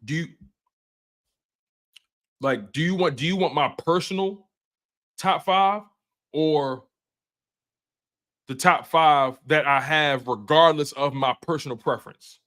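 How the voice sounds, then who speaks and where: Hosting a sports live stream, this man in his 20s keeps things relaxed and slangy with his audience, restarting sentences and saying things twice. His voice runs a bit high, and he takes his time with frequent pauses.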